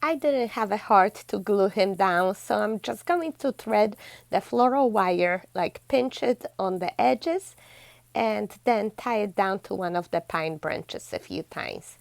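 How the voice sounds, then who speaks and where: A woman's voice: medium pitch, measured pace, gravelly, no echo. A woman hosting a DIY craft tutorial, chatty and effusive toward her viewers, walking through steps one by one. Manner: chatty and effusive, warmly thanking viewers as "besties"; steady step-by-step instructions. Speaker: DIY craft channel host.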